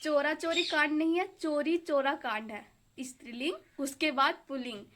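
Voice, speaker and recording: High-voiced chatty young woman vlogging. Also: steady tone, normal speed, a bit bright. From India. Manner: chatty, rambling with fillers. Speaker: vlogger, exam aspirant. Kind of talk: casual vlog chat. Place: home kitchen and study table.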